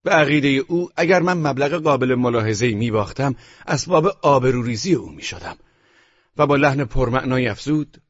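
A male audiobook narrator reads a novel in a measured, even way. His voice is somewhat husky and sits at an ordinary pitch. The recording is dry, dull and lo-fi. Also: no room sound.

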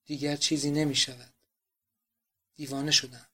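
A man voicing a young countess, pleading and despairing in a quiet, subdued voice as she mourns her father in a read-aloud novel. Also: fairly high pitch, little pitch movement. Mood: grieving, pleading. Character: grieving remorseful countess, young woman.

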